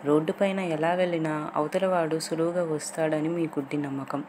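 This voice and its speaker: A woman voicing a friendly, teasing young man in an audio love story, in her own low voice. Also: steady tone, a little fast, background noise, close to an everyday voice. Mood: scolding.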